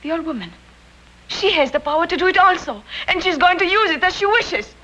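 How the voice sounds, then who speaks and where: Young mom, guarded, short answers. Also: female voice, very high-pitched, expressive, bright, forceful tone, lo-fi sound, exaggerated voice. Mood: bitter. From Czechoslovakia. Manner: terse, defensive, halting. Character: guarded young immigrant mother, wary. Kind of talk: 1950s television drama acting.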